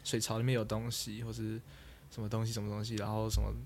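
A man's voice: on the low side, monotone, fast talker, gravelly, darkish tone, slight background noise. A young man telling a rambling story as a podcast co-host, trailing off and restarting. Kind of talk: casual chat.

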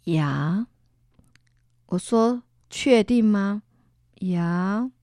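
Middle-aged Singaporean woman, podcast guest, animated storytelling, dry close sound. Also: mid-range voice, normal speed, no room sound. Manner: animated storytelling, acts out voices. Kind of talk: telling a faith story.

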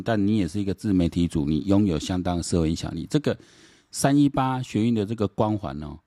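A man's voice: low-pitched, warm tone, no room sound, clean studio sound. A middle-aged man with a Taiwanese accent hosting a political commentary podcast, rambling and repeating words, slipping into Taiwanese Hokkien and firing off mocking rhetorical questions. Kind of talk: casual solo political commentary.

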